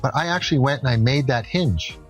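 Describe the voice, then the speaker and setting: A man's voice: mid-range voice, fairly quick, soft background music. A middle-aged man giving an informal, persuasive home shopping demonstration in a conversational, instructional way. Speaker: product demonstrator on a shopping show.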